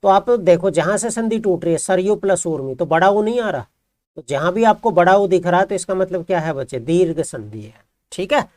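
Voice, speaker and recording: A man's voice: high-pitched, expressive, brisk, a little mellow, no room sound. A man teaching a grammar lesson who explains patiently and keeps asking his students questions, then answering them himself. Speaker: Hindi teacher.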